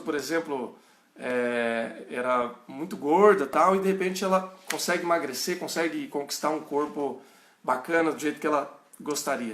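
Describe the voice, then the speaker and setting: A middle-aged pastor with a rural São Paulo and Minas Gerais Brazilian accent leads an informal Bible study, answering viewers' questions and often checking in with his listeners. His voice is on the high side and fairly bright, and the sound is roomy.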